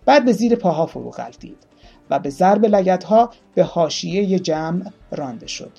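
A man reading a story aloud, slowly voicing its characters with small shifts of voice. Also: high-pitched, expressive, vocal fry, warm tone, muffled recording, faint music behind. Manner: reads the tale slowly, playing each speaker with small voice shifts. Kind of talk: audiobook narration.

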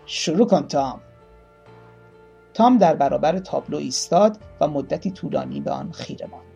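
A man reading a story aloud, slowly voicing its characters with small shifts of voice. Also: a little high, wildly swooping pitch, creaky, warm tone, husky, highs cut off, soft background music. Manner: reads the tale slowly, playing each speaker with small voice shifts. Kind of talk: audiobook narration.

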